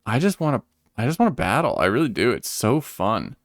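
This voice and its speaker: A man's voice: medium pitch, sing-song, fairly quick, no room sound, studio quality. A young man streaming a game, chatting casually and sleepily, rambling and thinking aloud with lots of fillers. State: sleepy, yawning. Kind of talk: casual livestream gameplay chat.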